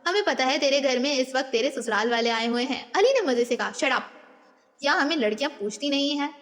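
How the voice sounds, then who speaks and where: A woman reading a novel aloud as a narrator, voicing the characters' dialogue herself with small lifts in pitch. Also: expressive, fast, a bit bright, in a large hall. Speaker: audiobook narrator.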